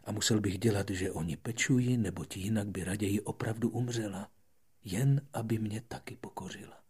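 A man narrating an audiobook fairy tale in an expressive storytelling manner, moving between soft and lively passages. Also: on the low side, husky.

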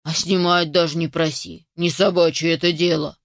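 Gruff grumpy yard dog, a woman voicing him. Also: lowish voice, little pitch movement, normal speed, no room sound, clean studio sound, pitched below the performer's own voice, close to an everyday voice. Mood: dismissive. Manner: gruff, dismissive.

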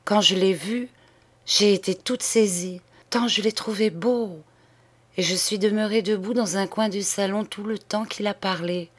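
A woman reading aloud, voicing a dying middle-aged woman who confesses to her sister in a hoarse, halting whisper. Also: medium pitch, steady tone, close to an everyday voice. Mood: confiding. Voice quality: hoarse, halting broken phrases. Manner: whispered pleading.

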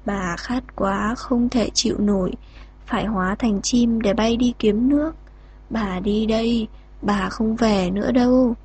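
Old grandmother turned dove, acted by a woman, slow cooing calls, resigned, storybook. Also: fairly high pitch, a little mellow, slight background noise, natural voice. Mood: sorrowful.

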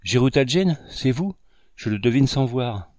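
A man's voice: medium pitch, expressive, measured pace, a little mellow, no room sound, natural voice. A man doing a startled anxious man.

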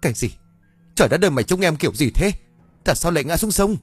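A man voicing a panicked village mother who scolds and shouts frantically, in a spoken ghost story. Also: lowish voice, brisk, no room sound, soft background music, lightly acted. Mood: panicked scolding.

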